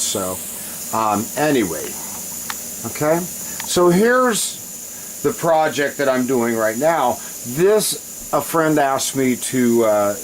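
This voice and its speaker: A man's voice: medium pitch, rough recording. Man rambling through a cooking vlog, hissy recording. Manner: rambling, often breaks off to handle things. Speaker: home cook showing a recipe on video. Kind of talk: casual cooking vlog chat. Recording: loud steady hiss behind voice. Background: loud hissing.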